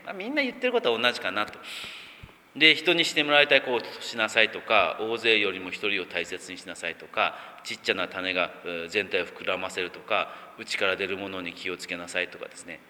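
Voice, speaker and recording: Bright-voiced male pastor in a reverberant room. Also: on the low side. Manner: measured reading, then rambling with many fillers. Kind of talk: scripture reading and informal sermon talk. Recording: long reverb.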